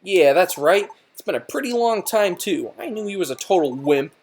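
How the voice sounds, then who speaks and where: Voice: mid-range voice, expressive, normal speed, darkish tone, slight background noise, voice pushed up, close to an everyday voice. A game player voicing a mocking young creature who taunts a timid kid in a sneering voice.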